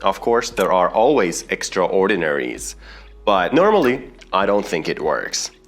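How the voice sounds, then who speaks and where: A young man with a Persian accent, an English teacher telling the story of how he learned the language, speaking slowly and with plenty of rises in his voice. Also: low-pitched. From Iran. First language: Farsi. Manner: animated storytelling, slow and deliberate with sudden rises. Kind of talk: personal story lesson to camera. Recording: faint music bed behind.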